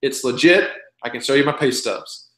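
A man in his thirties giving a recorded webinar pitch, blunt and folksy, urging listeners to go for it. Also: normal speed, fairly bright tone, echoey room. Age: 30s. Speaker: presenter.

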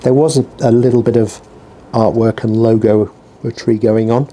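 A man's voice: fairly low pitch, steady tone, normal speed, warm tone. A man talking casually in a workshop vlog, rambling with dry, self-deprecating humour while he works at his bench. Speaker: small business owner blogging his work. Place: workshop with a heater running. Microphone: mic on the bench below him.

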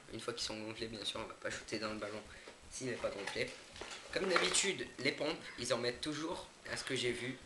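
A young man casually unboxing products for his channel, hesitant with many fillers and self-corrections, indoors away from home. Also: mid-range voice. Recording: echoey room, noisy background. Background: crinkling packaging and clicks.

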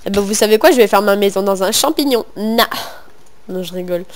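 A man's voice: sits high, brisk. A young teenage boy doing casual, joking commentary over a game, rambling and talking to himself and his viewers through a home computer microphone. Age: young teen, in middle school. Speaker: gaming video host. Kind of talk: casual let's-play commentary.

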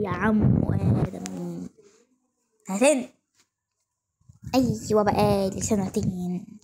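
A woman with an Egyptian accent improvising a toy-game role-play, talking in quick, bossy, teasing exchanges. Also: sits high, dark tone, slight background noise. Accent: Egyptian Arabic.

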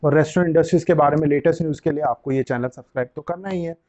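A man's voice: fairly high pitch, very fast, muffled recording, a crowd in the background. A young man hosting his own channel, explaining things casually to the camera in a living room on a lapel mic, gesturing and repeating phrases as he goes. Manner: gestures with both hands while talking, repeats phrases. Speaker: channel host.

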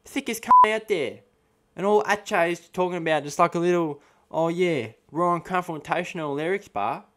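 A man's voice: high voice, normal speed, sharp tone. A young man in his twenties with an Australian accent, playing a cocky, combative eshay lout in comedic commentary full of eshay slang. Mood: indignant. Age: 20s. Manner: eshay slang, tacks 'bah' onto sentences. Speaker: comedy host reacting to a chatbot. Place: small room at home, indoors. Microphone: close studio mic on boom arm.

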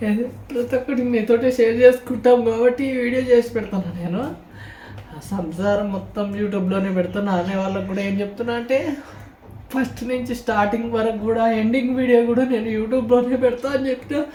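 A man gives an emotional farewell vlog, speaking in a tearful, halting way. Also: very high-pitched, warm tone, echoey room, slight background noise. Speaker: vlogger.

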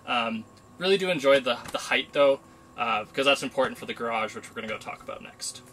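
A young adult man with a North American accent gives a casual tour to camera of his camper van, in and around it in the woods. He talks fast, with a mid-range voice and lively intonation.

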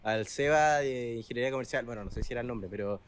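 A Chilean man co-hosting a podcast, reading out listener confessions and chatting in a relaxed way. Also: medium pitch, fast. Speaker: podcast co-host.

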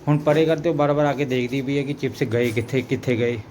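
A man's voice: mid-range voice, fairly even intonation, fast, darkish tone. A man with a Punjabi accent chatting casually for a home vlog, repeating phrases for emphasis, on a noisy handheld recording. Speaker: vlogger's husband filming along.

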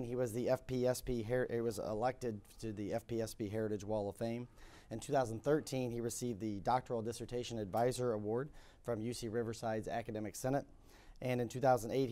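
With a mid-range, darkish, slightly scratchy voice, a man in his thirties interviews a guest on a conference stage set against a curtain backdrop. He is chatty but hesitant, filling his speech with ums, and is picked up by a lapel mic.

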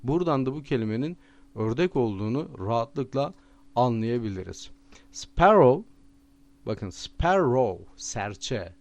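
A man with a Turkish accent teaching vocabulary with memory tricks, repeating each word slowly and stressing it. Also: mid-range voice, animated, dry recording. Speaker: language teacher.

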